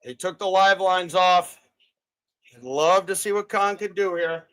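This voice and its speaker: An excitable man hosts a live fight stream, calling the action and his bets as they happen. His voice sits a bit high for a man, and he cheers the fighters on as the fight unfolds. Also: measured pace. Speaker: livestream host. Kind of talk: live fight betting commentary.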